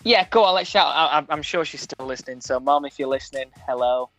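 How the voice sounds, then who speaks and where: Brisk and a bit bright at medium pitch, the young guest musician from Sheffield, England speaks frankly in a broad Sheffield accent on casual radio. Restarts and fillers pepper his sentences, and music plays beneath the dull, dry audio.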